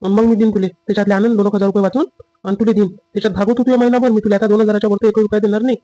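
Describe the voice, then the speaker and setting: A man playing a dutiful husband and son in a family drama skit, with a rapid, lecturing manner. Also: high voice, level tone, mellow, no room sound, highs cut off, close to an everyday voice.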